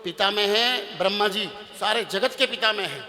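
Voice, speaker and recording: A male preacher voicing Narad, a sly, helpful divine sage giving coaxing, hushed advice. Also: high-pitched, moderate pace, in a large hall, pitched above the performer's own voice.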